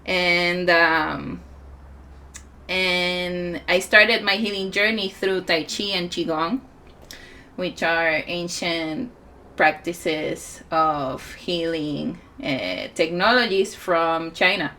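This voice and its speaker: Puerto rican lady in her 40s giving a talk, slow and thoughtful, lots of ums, bright clear-ish tone. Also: fairly low pitch, slight background noise. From Puerto Rico. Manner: unhurried, reflective, with many pauses and fillers. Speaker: musician and healer speaking at a conference. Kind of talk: conference talk.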